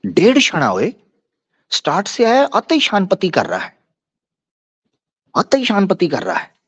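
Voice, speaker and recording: A man's voice: high-pitched, huge pitch swings, a little slow, fairly bright tone, husky, dry recording. A man hosting a live-stream debate, ranting in a taunting, mocking and crude way. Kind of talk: combative live-stream rant. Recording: dull lo-fi stream audio.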